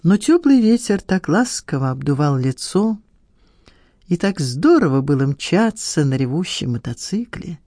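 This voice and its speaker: Audiobook narrator, scripted narration, even storytelling read, mellow tone, dry close sound. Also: mid-range voice, unhurried, no echo.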